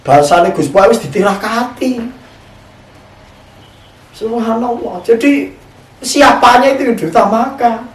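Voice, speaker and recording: A man's voice: extremely high pitch, normal speed. A man, preaching a sermon and telling a story, often putting questions to his audience. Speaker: Islamic preacher. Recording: echoey room, voice from far off.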